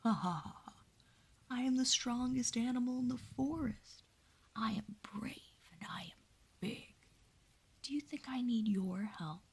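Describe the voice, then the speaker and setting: A woman voicing a big, boastful male lion in a gruff, mocking whisper for a whispered role-play bedtime story. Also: on the high side, steady tone, unhurried, pitched above the performer's own voice, exaggerated voice.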